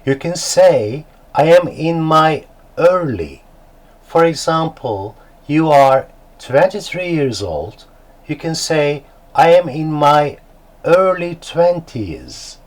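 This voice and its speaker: Man, Turkish accent, English teacher, slow and careful, animated pitch. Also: poor audio. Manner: deliberate, spells words out letter by letter. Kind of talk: slow, clear teaching for beginners.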